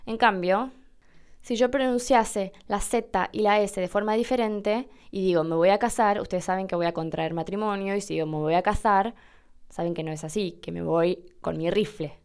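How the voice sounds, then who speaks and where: A woman hosts a lesson. Her voice is smooth and clean at a middle pitch. She explains patiently with a wry edge. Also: a little mellow. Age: 20s. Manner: patient, wry, with slowed demonstration words. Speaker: Spanish teacher and podcast host.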